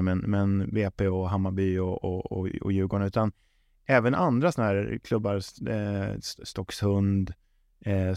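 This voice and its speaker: A football club sporting executive gives an interview, talking conversationally and often repeating or rephrasing as he works through his thoughts. His low voice has a darkish tone, and the studio sound is clean with no echo.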